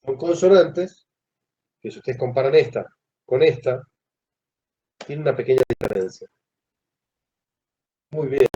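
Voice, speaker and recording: A male teacher giving a classroom lecture, who asks the students questions and pauses mid-phrase. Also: mid-range voice, mellow, breathy edge. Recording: dull lo-fi classroom recording.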